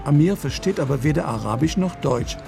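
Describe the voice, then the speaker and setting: A man narrating a scripted radio news report in a measured, even delivery. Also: fairly high pitch, gravelly, over music.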